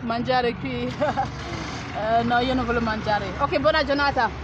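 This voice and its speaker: Woman, high voice, impassioned repetitive street rant, phone vlog, faint traffic behind. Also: steady tone, a little slow, lo-fi sound. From Cameroon. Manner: impassioned, repetitive, crude and defiant. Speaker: vlogger. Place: outdoors on a city street, walking.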